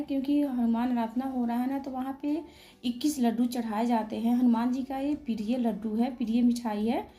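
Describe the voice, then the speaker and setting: Hoarse woman vlogger, dark soft voice. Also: a little high. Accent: Bihari Hindi. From Bihar, India. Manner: speaks slowly and softly to spare her voice. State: hoarse, sore throat. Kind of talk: casual vlog voice-over.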